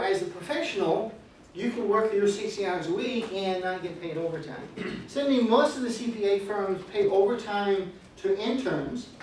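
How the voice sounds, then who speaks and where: A man's voice: sits high, darkish tone, distant mic, a little hiss or hum. Man lecturing in an echoey classroom. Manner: joking, calls on students by name. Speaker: business law professor.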